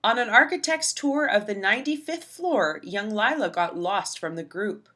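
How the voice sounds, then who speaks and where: Woman, storybook reader, high bright voice, rhythmic dramatic read-aloud, very lively intonation. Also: moderate pace. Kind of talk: expressive children's read-aloud narration.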